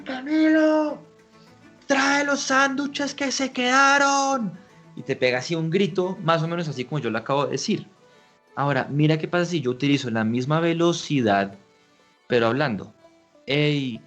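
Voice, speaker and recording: A man, an orchestra conductor, giving a lecture on music in an explanatory way, often asking his listeners rhetorical questions. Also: mid-range voice. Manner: acts out shouted and slowed example lines.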